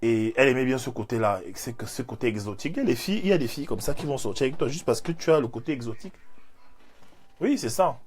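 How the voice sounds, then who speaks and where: Male life coach, thirties, animated faith talk, mid-pitch, soft music bed. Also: fast. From Cameroon. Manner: animated, repeats phrases, leans on fillers.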